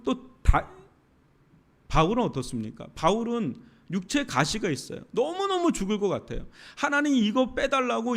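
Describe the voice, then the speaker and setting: A male pastor preaching a sermon at a Friday night prayer service, acting out prayers and quoted voices and repeating phrases for emphasis. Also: sits high. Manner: acts out prayers and quoted voices, swinging from loud pleading to hushed intimacy.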